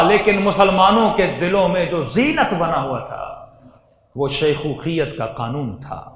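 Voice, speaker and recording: A man, a religious scholar preaching a sermon in a large hall, moving between quiet passages and loud emphatic ones. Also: a little high. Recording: echoey hall, heard from far off.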